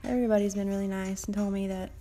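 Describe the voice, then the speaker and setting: A woman's voice: medium pitch, little pitch movement, quick pace, warm tone, faint music behind. A woman casually chatting and commenting while livestreaming a mobile game, rambling and swearing now and then, her voice tired late at night. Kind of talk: casual live gameplay commentary.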